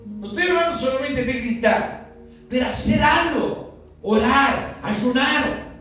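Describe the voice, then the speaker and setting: A Uruguayan pastor with a notably high voice preaches outdoors, throwing question after question at the congregation. The sound is very echoey and picked up from far off the mic. Faint music sits under his voice. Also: animated, slow pace, sharp tone. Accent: Uruguayan Spanish. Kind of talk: sermon. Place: outdoor gathering in a neighborhood.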